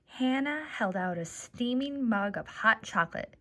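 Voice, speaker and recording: This woman, a library storyteller, addresses young children simply and encouragingly while reading picture books in an animated way. Her voice sits on the high side, and her pace is unhurried.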